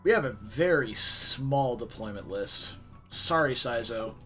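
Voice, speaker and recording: A man's voice: mid-range voice, animated, unhurried, bright, forceful tone, soft background music. A man giving casual let's play commentary, thinking aloud about strategy and speaking to viewers. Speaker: gamer.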